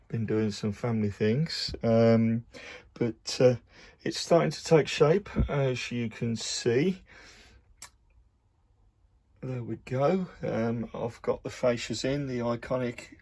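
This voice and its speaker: A man with a Birmingham accent chats easily through his hobby project, filling pauses with ums and uhs. His voice sits at a middling pitch, and he talks from a room at home. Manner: relaxed, many ums and uhs. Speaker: hobby model builder. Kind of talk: casual video diary.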